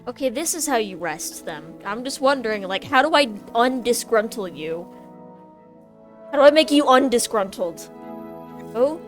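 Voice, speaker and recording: A woman giving casual, excitable commentary while she plays a video game, often squealing with delight. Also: a little high, measured pace, faint music behind. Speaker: gameplay streamer.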